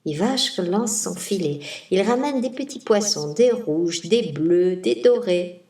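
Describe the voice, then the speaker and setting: Slow, rhythmic woman storyteller. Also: fairly low pitch, expressive, warm tone. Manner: slow, rhythmic, savoring listed words. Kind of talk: folk tale telling. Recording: roomy, distant mic.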